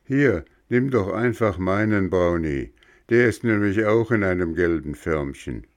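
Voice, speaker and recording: A man playing an old Saint Nicholas figure, a stern but kind boss who scolds loudly in a storybook. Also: animated, measured pace. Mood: grumbling. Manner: booming scolding, then gentle.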